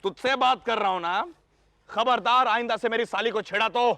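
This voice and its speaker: An actor playing a bumbling, boastful young husband in a 1990s sitcom, loud and hammy, stammering when scared. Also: male voice, very high-pitched, moderate pace, no echo, full character voice. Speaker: lead comic character.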